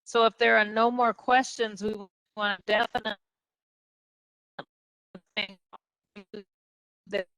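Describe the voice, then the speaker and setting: A woman talks over a group voice chat, her computer mic giving a smooth, clear tone that keeps breaking up as the connection drops. The sound is dry and close, and she speaks in a plain, earnest way, urging people to join in. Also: a little high, steady tone, a little slow, long pauses, a bit bright, no echo, poor audio. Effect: voice over an online group call, audio cutting out. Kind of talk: town hall announcements over a group call. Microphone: computer mic on a video call.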